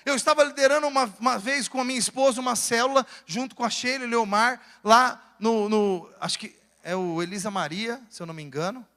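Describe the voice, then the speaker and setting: Brazilian pastor, male, fervent preacher, sharp bright tone, reverberant church hall. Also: very high voice, fairly quick. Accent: Brazilian Portuguese. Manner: preaching with rising fervor. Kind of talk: sermon. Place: church sanctuary.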